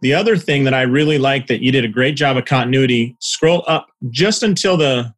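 A man's voice: mid-range voice, fairly quick. A man on a video call giving direct, encouraging feedback on a website, with some stammering.

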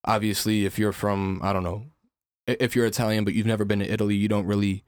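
A man's voice: on the low side, fast, dry recording, studio quality. A young man hosting a casual podcast chat, asking loose, rambling questions. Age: young adult. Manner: relaxed, probing questions, loose rambling phrasing. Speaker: podcast host.

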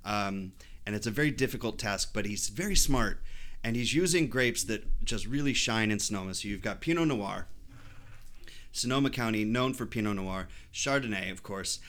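A man's voice: fairly low pitch, moderate pace, a bit bright. A man co-hosting a podcast, casually explaining a sparkling wine, laughing easily as he rambles. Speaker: podcast co-host. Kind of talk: casual wine-tasting chat.

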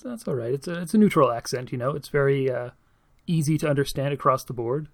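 A man's voice: mid-range voice, fast. A man hosting a podcast, chatting casually and joking with his co-hosts. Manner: playful, jokey banter. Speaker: podcast host.

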